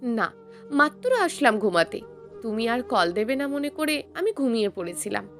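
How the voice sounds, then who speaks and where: Brief: earnest, tender young college guy in an audio story, read by a woman, high and lively delivery, soft music bed. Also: normal speed. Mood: sleepy. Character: earnest, gentle young male college student. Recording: faint music underneath.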